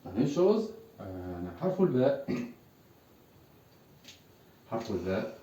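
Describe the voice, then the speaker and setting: A man's voice: lowish voice, sing-song, moderate pace, dark tone, dull audio. A man teaching a lesson, patient and repeating words for learners to echo back. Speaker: Arabic teacher. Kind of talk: classroom lesson at a whiteboard. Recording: echoey room, voice from a distance.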